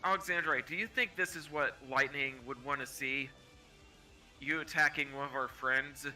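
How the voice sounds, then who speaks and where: A man's voice: medium pitch, steady tone, moderate pace, bright, forceful tone, soft background music, low-quality recording. A man playing a stern peacemaker hero who pleads with friends in a tabletop game. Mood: reproachful. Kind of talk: tabletop role-play.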